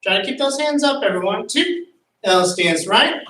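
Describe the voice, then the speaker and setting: Aerobics-instructor type, bright forceful counts and clipped commands, off-mic in a roomy space. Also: mid-range voice, expressive, normal speed. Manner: clipped commands and loud rhythmic counts to a group. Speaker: exercise instructor leading drills. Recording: echoey room, distant microphone.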